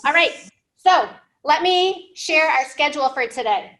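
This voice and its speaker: Bright and forceful, her high voice animated yet unhurried, a library storytime host in her thirties works at a whiteboard in an indoor room. The American woman coaches young English learners with simple, encouraging teacher talk and plenty of questions.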